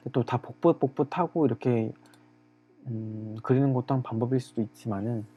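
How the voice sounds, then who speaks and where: A man hosting a livestream, talking casually to listeners in a monologue while he draws, often trailing off softly at the ends of phrases. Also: mid-range voice, slightly rough. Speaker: livestream host.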